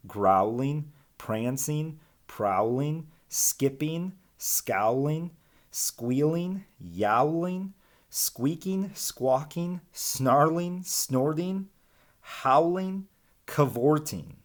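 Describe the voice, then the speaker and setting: Very slowly and at a fairly high pitch, an elementary school teacher reads a picture book aloud to young children. He voices the rhyming text expressively and breaks off for chatty remarks aimed at the kids.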